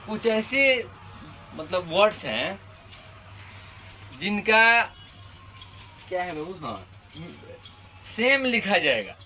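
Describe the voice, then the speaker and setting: A man teaching a class, who dictates definitions slowly and then explains them quickly with questions to his students. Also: high voice, big pitch swings, sharp tone, faint music behind. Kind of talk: classroom lesson. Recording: noisy, with traffic sounds outside.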